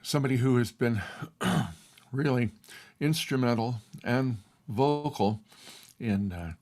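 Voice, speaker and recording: A man hosting an online music session, introducing the next act in a halting way with fillers. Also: medium pitch, a little mellow. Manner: halting, with fillers and throat clearing. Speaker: host. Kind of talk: casual introductions on a video call. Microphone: video call.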